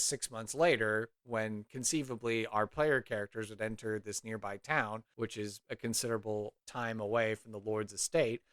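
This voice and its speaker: A man narrating a tabletop role-play scene as game master, in a relaxed, rambling way full of fillers. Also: mid-range voice, no echo, studio quality.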